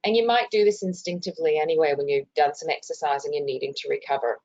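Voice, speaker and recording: Casting: Australian woman, health educator, lowish voice, informal explanatory delivery, muffled webinar sound from a hospital. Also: fairly even intonation, fast talker, darkish tone. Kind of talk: informal instructional presentation. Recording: muffled, dull webinar audio.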